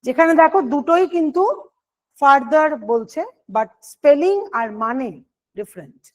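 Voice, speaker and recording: Woman, high-pitched, patient exam-prep teacher who explains step by step. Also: lively intonation, normal speed. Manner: explains step by step, asks and answers her own questions. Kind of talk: online exam-prep grammar lesson.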